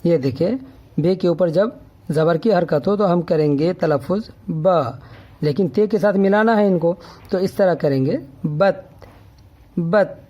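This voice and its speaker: A man from India gives a patient spoken phonics lesson in a fairly high voice. He sounds out each syllable several times and keeps checking in with his listeners. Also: mellow. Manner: checks in often with a questioning tag. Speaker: teacher.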